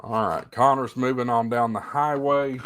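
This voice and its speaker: A man's voice: mid-range voice, fairly even intonation, normal speed, fairly bright tone, a little hiss or hum. A man hosting a livestream, giving live storm-tracking commentary in an urgent, emphatic, repetitive manner. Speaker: livestream host.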